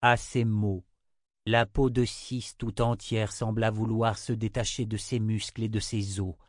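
A man narrating a dark fantasy audiobook in a steady, measured way. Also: lowish voice, no room sound, studio quality.

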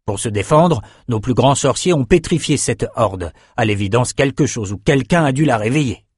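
A stern veteran general, measured and grave, dry studio audiobook. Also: male voice, mid-range voice, expressive, breathy edge, dry recording. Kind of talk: audiobook dialogue.

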